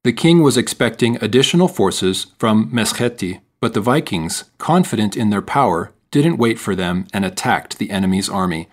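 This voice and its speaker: A man reading texts and task instructions for a listening exam in a measured, formal way. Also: on the low side, expressive. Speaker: exam narrator. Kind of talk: scripted narration for a listening test.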